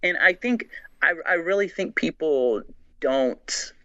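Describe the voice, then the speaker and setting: A man guesting on a podcast, chatting excitedly and rambling with many restarts. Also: a little high, slow, no echo, highs cut off. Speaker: guest, horror writer. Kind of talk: casual podcast chat.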